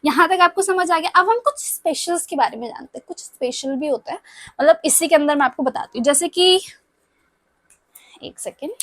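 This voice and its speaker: A woman's voice: high voice, normal speed, a bit bright, no room sound. A young woman teaching a language lesson, explaining step by step and often checking whether her students follow.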